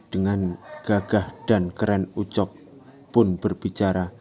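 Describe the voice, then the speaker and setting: A man with a low, mellow voice narrates a comic recap. His delivery is relaxed and conversational, like retelling a story to friends. The tone stays warm and unhurried.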